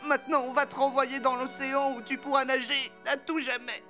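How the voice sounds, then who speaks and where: An actor voicing an excitable, goofy young cartoon superhero. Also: male voice, extremely high pitch, brisk. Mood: sad, awkward. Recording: loud music behind the voice.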